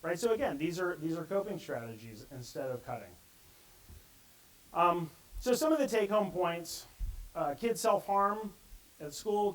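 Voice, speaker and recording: Man, middle-aged, conference speaker, slightly high voice, chatty, animated. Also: rough recording. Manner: lively and conversational, acting out quotes. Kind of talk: conference talk.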